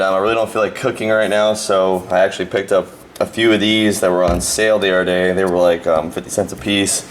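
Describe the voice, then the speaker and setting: Young male fitness vlogger, very deep and hoarse, casual rambling delivery, faint background hiss. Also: rough recording. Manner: chatty, rambling, telling a story with shouted quotes. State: hoarse, voice worn out. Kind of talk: casual vlog talk to camera.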